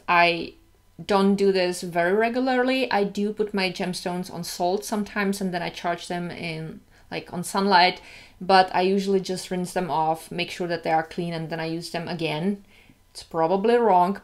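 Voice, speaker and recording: Chatty woman vlogger, candid and easygoing. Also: on the low side. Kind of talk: casual vlog talk.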